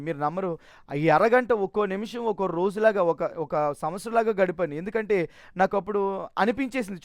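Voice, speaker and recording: A man's voice: high-pitched, clear, resonant tone, no echo, clean studio sound. A man giving a personal testimony in an earnest, emotional way, often restarting his sentences.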